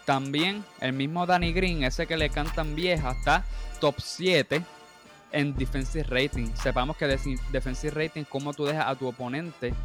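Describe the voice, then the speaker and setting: A man's voice: fairly high pitch, fairly bright tone. Caribbean Spanish-speaking man debating sports over music. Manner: stat-heavy, with English terms mixed in. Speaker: panelist in a basketball debate. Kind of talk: argumentative sports debate with statistics.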